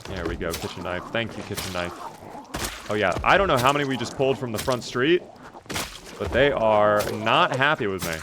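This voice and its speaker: Against a noisy background, a man with a lowish voice streams a game at a moderate pace, sounding animated. He chats casually, reading and answering his viewers' messages as he plays, and his voice was recently strained.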